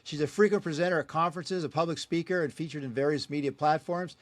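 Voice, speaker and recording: With a friendly manner, a man hosting a podcast reads out his guest's introduction, jokes about names he can't say, and laughs at his own asides before a casual interview begins. He speaks quickly in a slightly high voice, with no echo.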